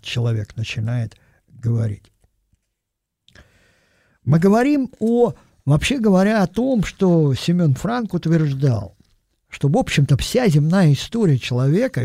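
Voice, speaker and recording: A man's voice: fairly high pitch, gravelly, mellow, no room sound, studio quality. An older man giving a thoughtful, digressive sermon and dwelling on single words. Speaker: preacher. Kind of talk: reflective sermon.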